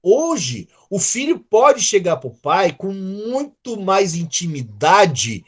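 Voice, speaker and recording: A man's voice: high-pitched, very animated, slow pace. A man preaching a conversational sermon as pastor, often repeating and restarting words and acting out quoted prayers.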